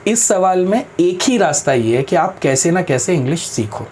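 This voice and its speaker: A man's voice: sits high, big pitch swings, normal speed, darkish tone, a little hiss or hum. A man talking in an interview, explaining in a firm, practical way, mixing in English phrases and respectfully calling the interviewer sir. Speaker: guest speaker on careers.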